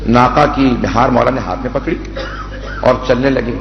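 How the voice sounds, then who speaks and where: A man preaching a mourning sermon as dramatic storytelling that swells into loud fervor. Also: medium pitch, reverberant, big-room sound, background noise. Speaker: religious preacher reciting a mourning narrative. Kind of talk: sermon recitation. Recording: dull lo-fi sound.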